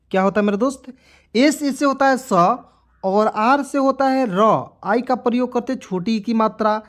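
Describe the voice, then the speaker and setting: Man drilling a reading lesson. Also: extremely high pitch. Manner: drills in repeated question-and-answer phrases. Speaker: teacher.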